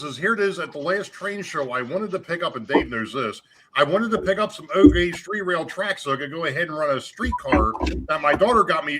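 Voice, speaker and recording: Chatty host guy on a video call, high-ish bright voice, bounces around a lot, faint hiss. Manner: animated, chatty storyteller. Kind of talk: casual chat.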